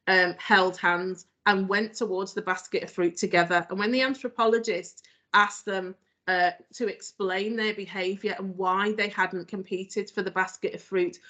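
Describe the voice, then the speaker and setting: A woman's voice: mid-range voice, fairly bright tone. A woman from Northwest England with a Liverpool accent, giving an earnest, conversational online training talk with frequent ums. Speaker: anti-racism trainer.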